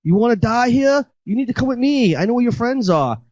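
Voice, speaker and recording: A man's voice: high voice, slow, no room sound, lo-fi sound, pitched above the performer's own voice. A man putting on an eerie, ominous woman. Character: eerie woman luring a victim in a horror film.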